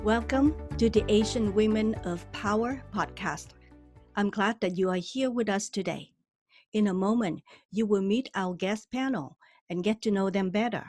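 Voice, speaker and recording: A woman hosting an interview podcast, enthusiastic and often halting mid-sentence. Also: medium pitch, a little mellow, no echo, soft background music. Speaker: podcast host.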